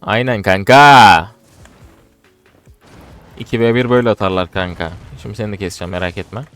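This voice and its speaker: A young man commentating his own gameplay, getting frustrated and swinging between low muttering and loud outbursts. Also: rapid-fire, faint music behind. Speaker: gaming streamer.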